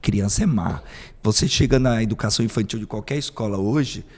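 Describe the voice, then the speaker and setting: A man's voice: fairly low pitch, fairly quick, a little mellow, long reverb tail. A man hosting a parenting podcast, speaking emphatically with frequent rhetorical questions. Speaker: psychoanalyst host. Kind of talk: podcast discussion.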